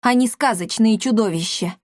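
A woman voicing an excitable young male inventor in a storybook reading, eager and exclaiming. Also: a little high, normal speed, dry recording, clean studio sound, lightly acted. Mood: excited.

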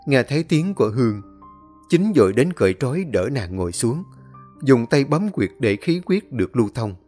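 A male storyteller narrating a dramatic tale in an expressive, animated way. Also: medium pitch, normal speed. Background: faint music.

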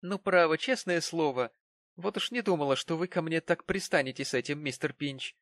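A man voicing an affected, indignant young woman with a shrill, fussy manner. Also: normal speed, fairly bright tone, no echo.

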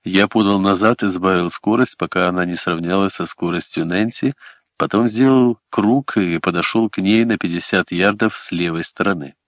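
A man narrating a novel in the first person with a steady storytelling delivery, in a dull, dry recording. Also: low-pitched, normal speed, no room sound. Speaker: audiobook narrator.

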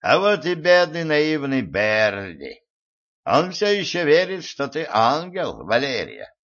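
A man reading an audiobook and voicing a scornful, cool-headed rich man who speaks slowly and mockingly. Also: on the high side, huge pitch swings, a bit bright, pitched above the performer's own voice, heavily acted. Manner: mocking, unhurried, emphatic. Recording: muffled lo-fi recording.

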